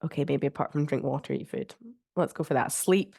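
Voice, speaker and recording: A young woman with a low, creaky voice talks fairly quickly on her easygoing solo podcast, made in her spare room. She sounds congested and nasal from blocked sinuses, rambling with many "like"s and gentle laughs, recorded in studio quality with no room sound.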